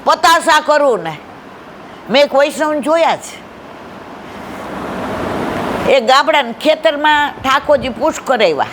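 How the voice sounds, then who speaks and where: A woman's voice: high voice, expressive, moderate pace, noisy background. A woman leading a devotional satsang, telling stories in a conversational way and often calling her listeners "my dear". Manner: conversational, asks the audience questions. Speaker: satsang speaker. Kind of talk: devotional satsang talk with storytelling.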